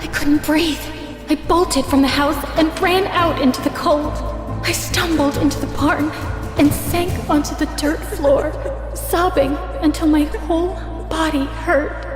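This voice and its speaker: A woman with a high, steady voice speaks at a measured pace, playing a passionate young stepsister who has been wronged and is both furious and heartbroken. She narrates her story dramatically in the first person, with intense, emotional delivery and a tense, sorrowful mood. Her voice is reverberant and sits over prominent music.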